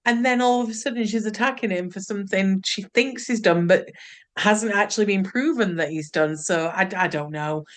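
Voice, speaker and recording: A woman's voice: mid-range voice, normal speed. A woman guesting on a podcast, chatting about a film, laughing along and dropping sarcastic asides. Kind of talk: casual chat.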